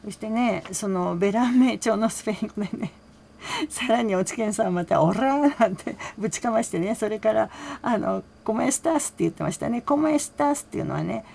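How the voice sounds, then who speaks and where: Here a woman with a medium-pitched, gravelly, slightly mellow voice talks fairly quickly with lively intonation. Hosting her own channel, she casually goes over a radio interview, passing along quotes amid many fillers and little laughs.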